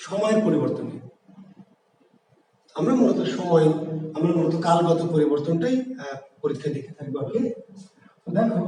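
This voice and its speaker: Far-off echoey male teacher, high voice. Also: warm tone, slight background noise. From Bangladesh. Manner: rhetorical questions, repeats key words. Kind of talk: exam-prep lecture.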